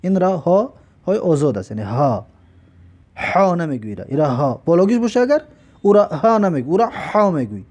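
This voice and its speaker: A man with a Tajik accent teaching the Arabic alphabet, explaining patiently and repeating each letter with a slow, stretched pronunciation. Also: a little high, sing-song, warm tone. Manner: patient, repeats letters and drawls them out slowly. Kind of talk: step-by-step alphabet lesson.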